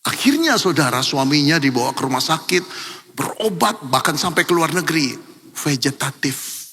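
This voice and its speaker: An older male pastor preaches in a bright, forceful, gravelly voice with a husky edge. He tells a story, dropping to a hush and then rising to emphatic peaks. His voice carries a long reverb through a large church hall. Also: fairly high pitch, very animated, normal speed, a little hiss or hum. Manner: storytelling, swings from hushed to emphatic. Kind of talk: sermon.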